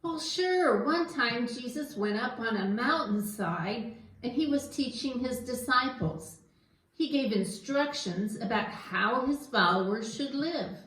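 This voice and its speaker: A woman's voice: fairly high pitch, lively intonation, takes it slowly, fairly bright tone. A woman voicing a naive, snack-loving male puppet in a church skit, earnest and literal-minded. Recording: echoey room.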